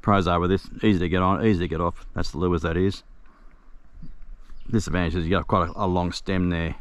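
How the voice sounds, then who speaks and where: A man narrating his fishing trip outdoors by a creek in a relaxed, observant way, talking quietly to the camera. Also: deep voice, a little fast, no room sound. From Australia. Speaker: fishing vlogger. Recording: outdoor recording with faint background noise.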